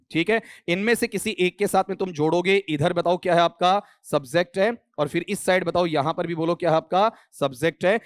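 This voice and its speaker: A man's voice: a little high, clean tone, no room sound, clean studio sound. A man teaching English grammar for exams, speaking mixed with English terms and quizzing students with questions. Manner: mixes Hindi with English terms. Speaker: English teacher for exam prep. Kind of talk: online exam coaching lecture.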